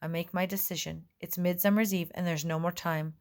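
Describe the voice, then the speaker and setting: A woman narrating a children's storybook in the first person, in a gentle, measured way. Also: on the low side, fairly even intonation. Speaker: audiobook reader.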